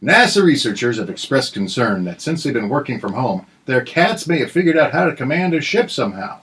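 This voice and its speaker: A man reading satirical news with an animated, sarcastic, hammy delivery. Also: mid-range voice, brisk. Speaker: comedy news anchor.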